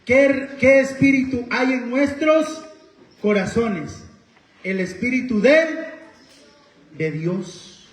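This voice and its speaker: Honduran male preacher, very high voice, slow, questioning, echoey church room. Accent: Honduran Spanish. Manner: asks the congregation questions, tells personal stories. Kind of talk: sermon. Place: church hall.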